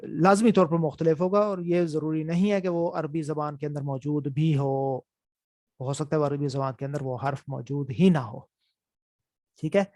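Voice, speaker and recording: A man's voice: fairly high pitch, fairly even intonation, a little mellow, no echo. A man teaching a class on Quran recitation rules, explaining step by step and often repeating key points. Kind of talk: online class lecture.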